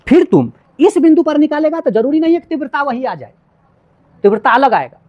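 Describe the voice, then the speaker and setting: A male teacher explains physics in a lively classroom lecture. He keeps checking whether his students follow him and uses everyday household examples to make each point clear. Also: very high voice, brisk, dull audio. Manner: asks repeated check questions to students.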